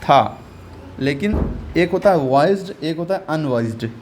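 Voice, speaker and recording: Man, English reading teacher, patient, repeats sounds, fairly high voice, faint hiss behind. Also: animated, measured pace, a little mellow. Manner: patient, repeats each sound and quizzes the learner. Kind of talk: step-by-step phonics lesson.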